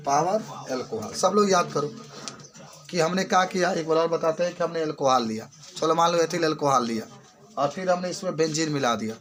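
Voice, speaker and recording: A man's voice: on the high side, fairly bright tone, slight background noise. A man teaching a chemistry class, repeating key terms and firing questions at his students. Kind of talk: classroom lecture.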